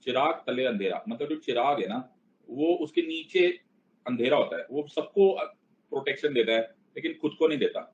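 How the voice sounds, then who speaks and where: Playful teacher, slightly lo-fi sound. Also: male voice, mid-range voice, big pitch swings, moderate pace, creaky. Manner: playful, mixes Hindi and English, keeps checking understanding. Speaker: online civics teacher. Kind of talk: live class lecture.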